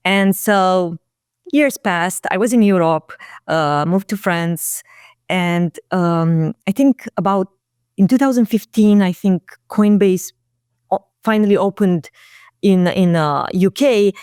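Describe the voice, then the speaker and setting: A woman, a guest talking casually and reflectively in an interview, often pausing on fillers and restarting phrases. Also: mid-range voice, darkish tone, clean tone, dry recording, studio quality. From Romania. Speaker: guest, marketing executive.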